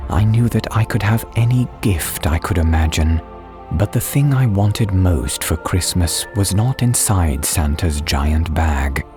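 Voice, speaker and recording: A man narrating a storybook dramatically, in a measured, deliberate audiobook style. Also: low voice. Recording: background music under the voice. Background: background music and soundscape.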